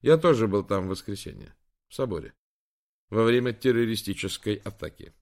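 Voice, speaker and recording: A man's voice: fairly low pitch, a little fast, lightly acted. A man voicing a brash young male rehab trainer with an Andalusian accent, talking in clipped, blunt phrases.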